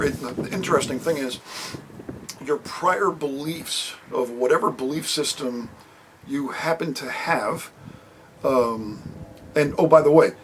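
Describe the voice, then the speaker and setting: A man's voice: mid-range voice, slight background noise, rough recording. A man, an author, talking about his book in a casual, rambling monologue to camera and acting out the people he quotes.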